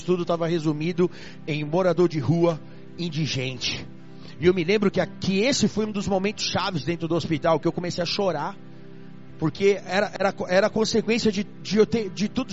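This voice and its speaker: Male pastor, high voice, testimony to shouted preaching, dull recording with faint music. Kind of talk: sermon.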